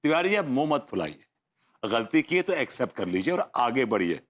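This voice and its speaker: A smug, teasing neighbour. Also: male voice, medium pitch, sing-song, brisk. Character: witty middle-aged neighbour, teasing and smug. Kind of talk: sitcom acting.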